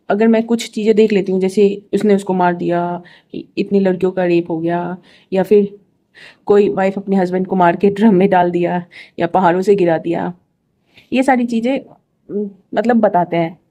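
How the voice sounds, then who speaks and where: A woman's voice: medium pitch, steady tone, normal speed, mellow. A young woman chatting casually to her followers in a rambling vlog, with fillers, restarts and exasperated asides. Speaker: vlogger. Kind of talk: casual chat to camera.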